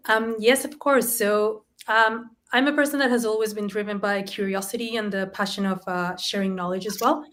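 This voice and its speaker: A woman's voice: medium pitch, steady tone, normal speed, few pauses, fairly bright tone. Female panelist from Chile, earnest and thoughtful. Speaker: design leader, panel guest. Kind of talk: panel discussion.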